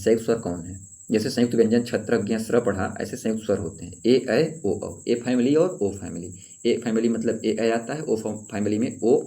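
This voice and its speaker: A man teaches an exam-prep grammar lesson in a low, warm, mellow voice. He asks his class questions and answers them himself. He repeats the key points so they stick. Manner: draws out sounds when demonstrating vowels.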